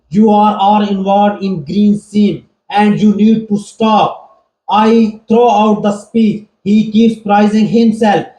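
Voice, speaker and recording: High-pitched man commentating in an echoey room. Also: dark tone. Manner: critical, editorializing. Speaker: commentator introducing speech clips. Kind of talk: political commentary narration. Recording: roomy, echoing voice track.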